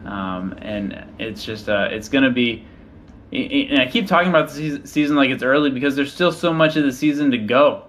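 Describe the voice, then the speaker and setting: A man's voice: mid-range voice, animated, moderate pace, fairly bright tone. A man giving live motorsport commentary in an informal, chatty, conversational way.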